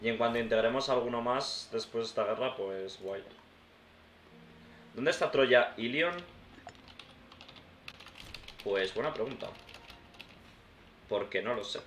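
Speaking a little slowly with long pauses, this male gaming YouTuber thinks aloud through a let's-play and treats his audience as friends, addressing them as "tío" and "hermanos." His voice sits mid-range and sounds fairly bright, recorded in a roomy space with faint noise behind him.

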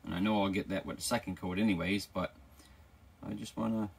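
Guy doing a diy bike vlog, gravelly low voice, jokey and talks right to you. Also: fairly even intonation, fairly quick. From Newfoundland, Canada. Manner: chatty, joking, talks straight to the viewer. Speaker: DIY motorcycle vlogger. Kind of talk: casual how-to narration to camera.

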